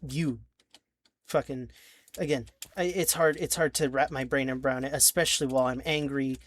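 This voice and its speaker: A man's voice: mid-range voice, fairly even intonation, normal speed, fairly bright tone, a little hiss or hum. A young man narrating his video game, rambling and frustrated, swearing and restarting his sentences. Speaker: let's-play creator. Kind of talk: game commentary. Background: faint keyboard clicks.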